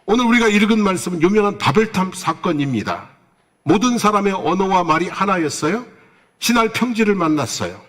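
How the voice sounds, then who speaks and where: A man's voice: high voice, a bit bright. A man preaching a Sunday sermon as pastor, who asks his congregation questions and answers them himself, with playful asides. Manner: tells jokes with playful asides.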